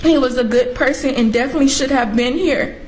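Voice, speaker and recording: A woman's voice: sits high, a little fast, darkish tone. A teenage or young adult woman giving a sobbing, tearful apology as a defendant's statement in court. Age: teens to young adult. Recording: noisy courtroom audio.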